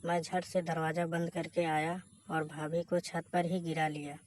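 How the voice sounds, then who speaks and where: Man reading a story in a flat voice. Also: fairly high pitch, moderate pace, dry recording, low-quality recording. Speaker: story narrator. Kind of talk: scripted first-person story narration.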